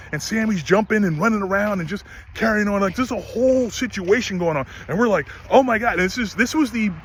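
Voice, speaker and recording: A man's voice: fairly high pitch, fairly bright tone, slight background noise. A middle-aged man retelling a story about his horse in a casual vlog, earnest and emphatic, often restarting his sentences. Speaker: horse owner vlogger.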